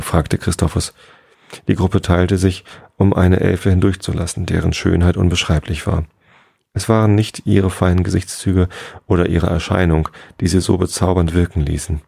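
A man reading a fairy tale aloud for a sleep podcast, slow and soothing. His voice is very low, with a creaky, husky texture. The recording is close and dry. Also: mellow, dry recording. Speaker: bedtime podcast host. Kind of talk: calm bedtime story reading.

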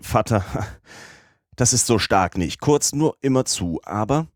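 An agitated, loyal French servant bursts out in protest, his voice pushed up high and lively, as a man acts him out. The sound is dry and close, with no room around it. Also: a little slow, no room sound, close to an everyday voice. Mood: indignant. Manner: indignant, exclamatory, raises voice. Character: excitable French manservant, middle-aged man, loyal.

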